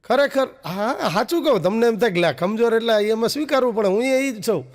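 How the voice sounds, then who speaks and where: A man's voice: extremely high pitch, lively intonation, brisk. Stand-up comic, male, raises his voice to play husband and wife, lingering hall echo. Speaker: stand-up comedian. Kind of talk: Gujarati stand-up joke telling. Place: stage show before an audience. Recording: long reverb of a stage hall.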